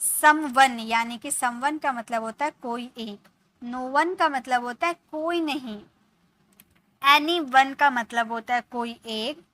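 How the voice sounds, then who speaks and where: A woman's voice: high-pitched, sharp tone. A woman teaching English vocabulary in Hindi, spelling each word letter by letter and repeating meanings patiently. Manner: spells words letter by letter, then repeats slowly.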